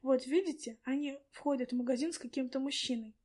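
Woman reading female store administrator, calm, firm, reassuring, high voice. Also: fairly quick.

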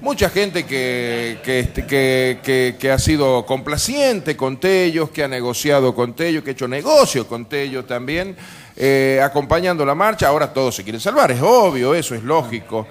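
Broadcasting live from a bar, an Argentine radio host with a medium-pitched, expressive voice at normal speed trades humorous, casual banter. He tells anecdotes in a wry, colloquial, sweary manner.

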